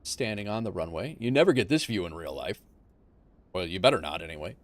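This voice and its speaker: A man giving casual livestream commentary on a flight simulator game, informal and thinking out loud. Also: low-pitched, expressive, brisk.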